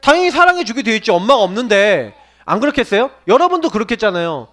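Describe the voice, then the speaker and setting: A man's voice: high-pitched, big pitch swings, fast talker, bright, forceful tone. A man preaching a sermon to young people, asking the listeners question after question and acting out quoted lines. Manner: asks the audience many questions, acts out quoted voices. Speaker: pastor preaching to youth.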